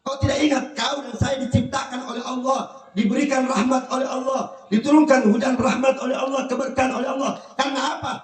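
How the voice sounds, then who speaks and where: A man preaching a sermon to a gathering, firing rhetorical questions at the audience and swinging between shouts and quiet storytelling. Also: extremely high pitch, fast talker, few pauses. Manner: animated, shifts between shouting and soft storytelling. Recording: echoey hall, voice from a distance.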